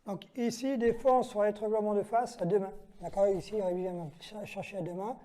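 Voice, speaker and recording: In a demonstration lesson, a self-defense teacher speaks at normal speed with a high, warm, steady voice. He takes each move step by step, counting it out and giving short commands to his partner, with regular "d'accord?" check-ins.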